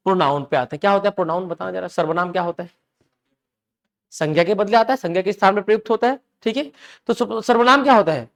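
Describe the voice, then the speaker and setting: A male teacher with a fairly high voice lectures a live class in Hindi sprinkled with English terms. He keeps drilling the students with questions and repeats key phrases over and over. He checks constantly that everyone follows along. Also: quick pace, vocal fry.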